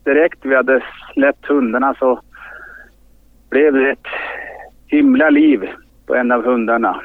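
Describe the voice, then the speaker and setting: A man leading a hunt, talking haltingly in a news interview and repeating his words as he searches for them. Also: mid-range voice, sing-song, gravelly, dry recording. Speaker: hunt leader interviewed by phone. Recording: tinny dry phone line.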